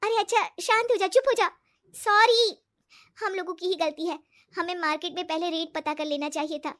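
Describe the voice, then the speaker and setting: Give me a woman playing an eager, trusting young woman with a very high voice. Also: fairly even intonation, brisk. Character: cheerful trusting young woman, office worker.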